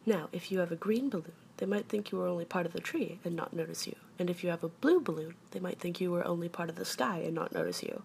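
A woman voicing a small, earnest, self-important and rather anxious male toy bear in a children's storybook, speaking deliberately. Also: lowish voice, creaky, darkish tone, a little hiss or hum. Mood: earnest pondering.

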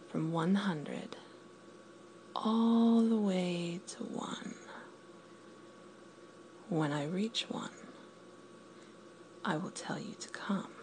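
A woman in an intimate audio roleplay, speaking in a commanding, teasing way, often dropping to a whisper, and counting down slowly. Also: lowish voice, a little mellow, a little hiss or hum. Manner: slow counting down.

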